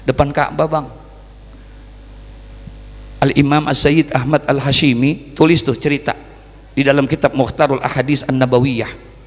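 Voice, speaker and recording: A man preaching an Islamic sermon, telling stories in a folksy colloquial way and swinging from loud sung calls to low asides. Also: level tone, normal speed, pauses often. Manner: folksy Jakarta colloquial speech. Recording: reverberant hall recording.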